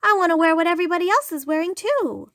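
A woman's voice: high voice, unhurried, no room sound, clean studio sound, full character voice. Woman doing a squealing, eager young iguana. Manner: excited, squealing repeated cries.

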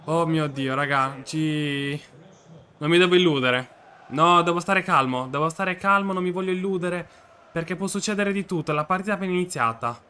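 A young man with a dry, sore throat, commentating on his own football video game match, muttering one moment and shouting the next. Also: on the high side, moderate pace, clean tone. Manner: swings from muttering to shouting at goals. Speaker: gaming video creator.

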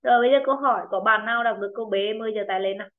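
Woman teacher, tinny video-call sound. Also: a little high. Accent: Vietnamese. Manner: encouraging, repeats words slowly for students. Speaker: English teacher. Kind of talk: online pronunciation lesson.

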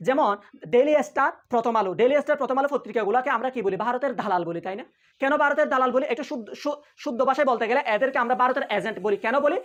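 A woman's voice: high-pitched, very fast, muffled recording. A woman from Bangladesh, teaching English grammar. She repeats each key point and keeps asking her listeners rhetorical questions. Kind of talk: spoken grammar lesson.

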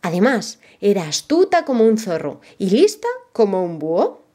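A woman reading a children's story aloud as storyteller, in an expressive storytelling manner. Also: mid-range voice, normal speed.

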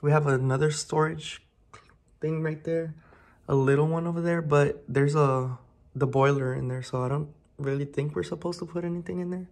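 A young man in his twenties, his voice on the high side, steady and a little mellow, gives a casual house tour vlog at a moderate pace. He's loose and chatty, full of fillers, filming indoors at home on a handheld phone.

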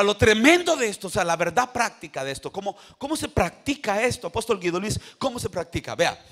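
An older man preaching a sermon in a church, animated, with sudden shouts and call-and-response to the congregation. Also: high voice. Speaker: pastor.

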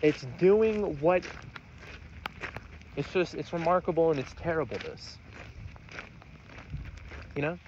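A man's voice: on the high side, animated, takes it slowly, long pauses, darkish tone, highs cut off, slight background noise. A man rambling through a casual, profane monologue while walking outdoors on roads. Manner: rambling, profane, self-mocking. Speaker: vlogger.

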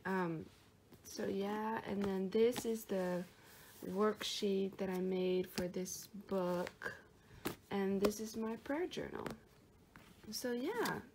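A woman's voice: mid-range voice, takes it slowly, a little mellow. A young woman talking to camera in a casual vlog, chatty and upbeat, with lots of fillers. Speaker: vlogger and radio host. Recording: noisy camera audio.

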